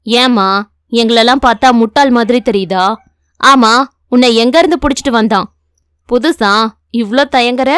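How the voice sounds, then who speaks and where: Woman voicing a nosy middle-aged village woman, lowered voice, scolding, mocking, dry close sound. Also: normal speed, pauses often, clean tone, no room sound, lightly acted.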